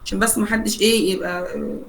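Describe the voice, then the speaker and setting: A woman with an Egyptian Arabic accent teaching English vocabulary in a classroom lecture. She spells out English slowly, explains in quick Arabic asides and keeps checking with the class. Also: mid-range voice, creaky, slight background noise, rough recording. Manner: switches between Arabic and English, slow dictated English and rapid Arabic asides; checks on the class with frequent "okay?" and "right?".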